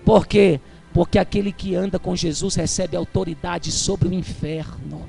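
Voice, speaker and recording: A man with a Brazilian Portuguese accent preaching a Pentecostal sermon, moving from chatty storytelling to fervent shouting. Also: high-pitched, fairly even intonation, normal speed, creaky, faint music behind.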